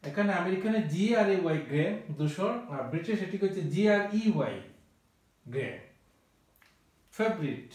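A man's voice: sits high, expressive, normal speed, pauses often, a little mellow, far from the mic. A man teaching a vocabulary lesson, naming word pairs and spelling words out letter by letter. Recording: very echoey room, voice from off-mic.

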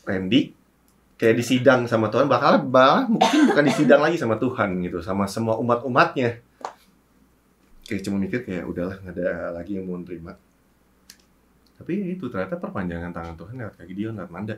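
A man guest on an interview show, speaking in a halting, reflective way and trailing off as he recalls. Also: lowish voice, very animated, a little hiss or hum. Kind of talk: candid casual chat.

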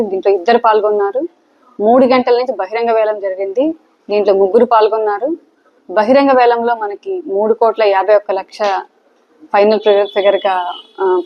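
Woman official, halting, in dull lo-fi sound. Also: medium pitch, fairly even intonation. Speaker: local government official. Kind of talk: statement to the press.

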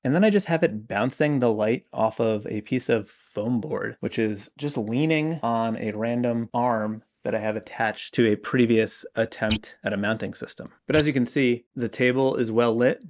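A fairly low-voiced man in his thirties walks through his basement studio in an easy, chatty way, tossing in self-deprecating jokes. Soft music plays faintly behind him. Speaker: illustrator showing his studio. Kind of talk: casual studio tour narration.

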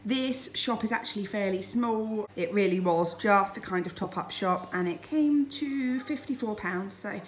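Sitting indoors in her home dining room, this family vlogger from the UK, a woman in her thirties with a British accent, chats informally through a grocery haul. She speaks at a moderate pace with a medium-pitched voice and barely pauses.

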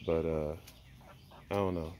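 With a rumbling low voice and fairly even intonation, a man ambles a little slowly through a backyard by chicken coops, giving a casual homestead tour. He thinks out loud with many fillers, recorded on a handheld phone camera amid background noise.

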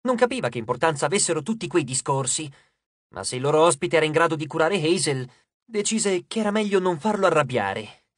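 A man reads an audiobook chapter in a measured, steady storytelling manner. His voice sits a touch high, captured close on a studio mic with a dry sound. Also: dry recording. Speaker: audiobook narrator. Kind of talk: scripted narration.

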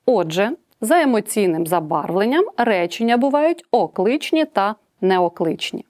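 A woman's voice: medium pitch, sing-song, normal speed, a little mellow, dry recording, studio quality. A woman teacher with a Ukrainian accent explaining grammar in a recorded lesson, acting out example sentences with changing intonation. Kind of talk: recorded distance-learning lesson.

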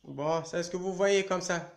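A man teaching a live online French lesson at a chalkboard. He speaks slowly and patiently and keeps coaxing his pupils to answer. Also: sits high, steady tone, vocal fry. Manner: slow, patient, coaxing, repeats "allez" to prompt pupils. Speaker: primary school French teacher. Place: indoor room at a chalkboard. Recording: roomy echoey room sound.

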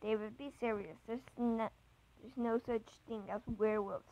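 A woman's voice: a little high, fairly even intonation, normal speed, muffled recording, close to an everyday voice. A woman reading a chat story aloud, voicing a worried young woman who keeps pressing her boyfriend with questions.

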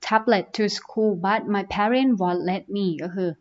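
Thai woman teaching English, slow and clear. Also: mid-range voice, dull audio. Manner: reads English sentences slowly, then explains in Thai with fillers. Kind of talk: online English lesson.

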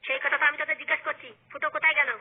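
A very high, rapid-fire cartoon tough guy, with a flat, unmoving pitch. He barks threats at suspects, then turns to soothing a distressed wife. The sound is thin and tinny, like a phone line. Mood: threatening. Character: menacing, hot-tempered man hunting his missing friend.

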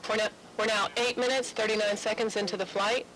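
A man's voice: high-pitched, fairly even intonation, a little fast, sharp tone, low-quality recording. A man acting as commentator, giving live commentary on a rocket launch.

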